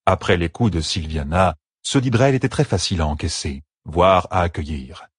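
Audiobook: husky male narrator, lively intonation, dry close sound. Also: sits low, no room sound. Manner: measured, expressive reading. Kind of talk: scripted fantasy narration.

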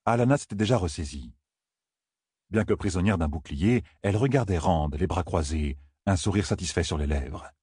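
Male audiobook narrator, fantasy novel, measured storytelling, very low voice, dry close recording. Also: darkish tone, husky, no echo.

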